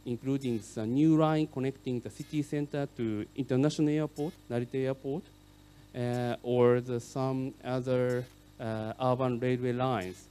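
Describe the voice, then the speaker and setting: Middle-aged Japanese-native man, keynote lecturer, mellow voice, halting English full of "uh"s. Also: medium pitch, steady tone, clean tone. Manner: halting non-native English with many fillers. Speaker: keynote speaker on urban rail.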